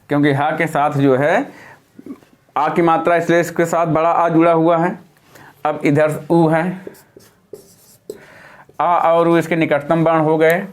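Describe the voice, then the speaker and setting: Guy teaching grammar at a board, slow and patient, kinda high voice. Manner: patient, explains step by step. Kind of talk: whiteboard grammar lesson.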